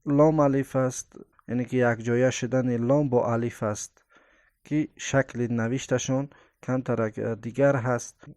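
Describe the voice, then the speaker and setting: A man teaching the Arabic alphabet, slowly naming each letter and repeating its sound with many hesitant fillers. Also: mid-range voice, steady tone, darkish tone, no room sound, clean studio sound. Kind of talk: step-by-step pronunciation lesson.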